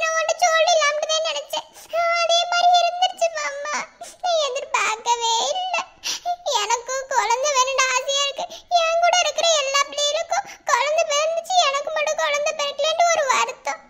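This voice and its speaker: A woman's voice: very high-pitched, expressive, fairly quick, bright, forceful tone, exaggerated voice. A woman voicing a young village wife in a cartoon, speaking Madurai Tamil, emotional and teasing, often tearful. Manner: tearful, pleading, laughing through tears. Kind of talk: cartoon voice acting. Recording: noisy recording with clicks.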